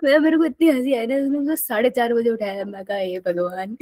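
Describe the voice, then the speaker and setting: A woman's voice: fairly high pitch, fairly even intonation, a little fast, a little mellow, no room sound. A young woman teaching a live online biology class in a casual, chatty way, telling stories and often laughing.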